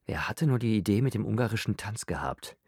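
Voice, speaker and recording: A male narrator reads in a low, wry, measured voice. The recording is dry and close, with no room sound around him. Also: expressive, a little mellow, husky, no echo. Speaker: audiobook narrator. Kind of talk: scripted narration.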